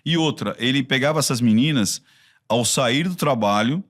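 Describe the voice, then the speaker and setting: A man from Brazil with a Brazilian Portuguese accent. He is a body-language expert talking in a casual podcast conversation, telling stories in an animated way with frequent restarts. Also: medium pitch, moderate pace.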